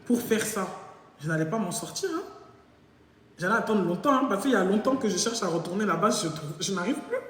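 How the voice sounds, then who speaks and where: A woman's voice: medium pitch, a little fast. A woman hosting a live stream, telling a story in a casual, jokey way and acting out both sides of the conversation. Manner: animated, jokey, acts out both sides of dialogue. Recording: very echoey room with long reverb.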